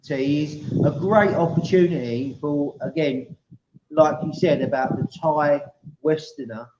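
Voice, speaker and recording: A man's voice: fairly high pitch, measured pace, echoey room, lo-fi sound, noisy background. A man co-hosting a casual livestream chat, talking in a rambling, matey way. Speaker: co-host.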